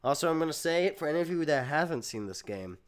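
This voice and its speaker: A man's voice: fairly high pitch, lively intonation, fast talker, smooth. A man streaming a video game, giving casual commentary with rambling, laughing asides and swearing. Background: game music.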